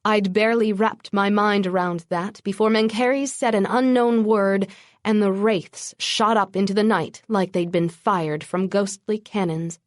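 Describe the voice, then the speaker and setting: A woman narrating an urban fantasy audiobook in the first person, with a wry, brisk storytelling manner. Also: mid-range voice, fairly even intonation, no room sound, clean studio sound.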